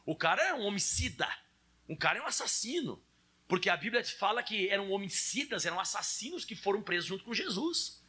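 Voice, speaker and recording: A man's voice: sits high, sing-song, brisk, bright, forceful tone, breathy edge. A Brazilian man preaching a sermon in a conversational way, speaking straight to his congregation. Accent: Brazilian Portuguese.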